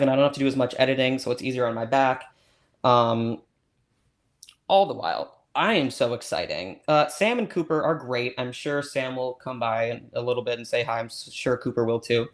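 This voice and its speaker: A man's voice: medium pitch, lightly acted. A man playing a scatterbrained, over-eager host of an awards-predictions livestream, who rambles and gushes with lots of ums and restarts.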